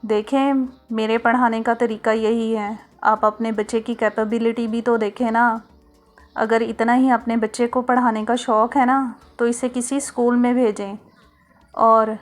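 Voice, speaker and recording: A woman's voice: on the high side, lightly acted. A woman reading a storybook, voicing a harsh male home tutor who speaks curtly and defensively. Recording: soft music underneath.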